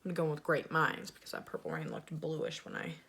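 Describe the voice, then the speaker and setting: A woman's voice: low-pitched, big pitch swings, fairly quick, heavy background noise. A woman with a lisp that makes her s sounds slushy, chatting casually and self-deprecatingly as a beauty vlogger reviewing makeup.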